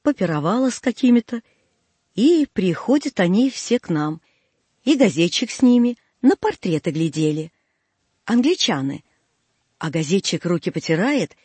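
A man reading a first-person folk tale aloud, telling it in a folksy, plaintive way with a husky voice. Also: high-pitched, sing-song, moderate pace, darkish tone, no room sound. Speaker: audiobook reader.

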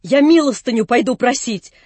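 A reader voicing a sick, proud orphan girl who refuses help in sobbing, shouted outbursts, in an audiobook. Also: medium pitch, expressive, takes it slowly, husky, no room sound. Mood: sobbing, frantic. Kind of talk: audiobook character voice.

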